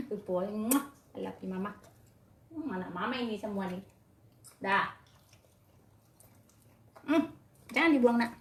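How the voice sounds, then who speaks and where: A woman speaks to her pets in doting, coaxing baby-talk, with a voice pitched a little high that leaps up and down. The sound echoes off the walls of a room at home. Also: expressive, slow pace, long pauses. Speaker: pet owner.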